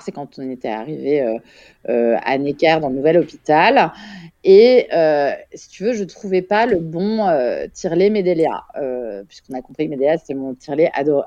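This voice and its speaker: A woman's voice: fairly low pitch, warm tone, no room sound, highs cut off. A young woman, a mother, telling a story frankly and vividly in a casual interview, swearing now and then. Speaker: guest, mother.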